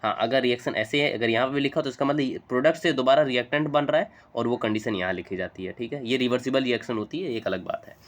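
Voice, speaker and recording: Male teacher, quick chatty explainer who keeps checking in with the class. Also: mid-range voice. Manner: fast, chatty, coaxing with frequent "theek hai" and "bhai". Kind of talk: chalk-talk chemistry lesson.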